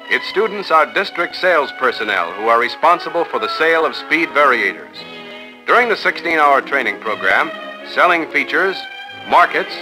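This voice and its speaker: A man co-announcing a 1950s company newsreel, reading news items in a brisk, upbeat announcing manner. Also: fairly high pitch, poor audio.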